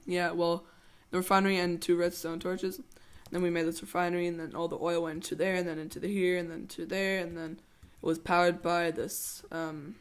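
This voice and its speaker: A man's voice: high-pitched, little pitch movement, fairly quick, few pauses, smooth. A teenage boy giving rambling, playful commentary while playing a game, with goofy jokes. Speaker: let's play host. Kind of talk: casual gameplay commentary.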